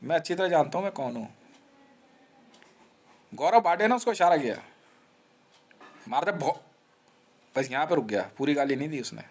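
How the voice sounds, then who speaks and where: A man's voice: a little high, lively intonation, moderate pace, long pauses. A man streaming live, rambling in a confrontational monologue, taunting listeners with slang and repeating himself. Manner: restless, repeats himself and restarts.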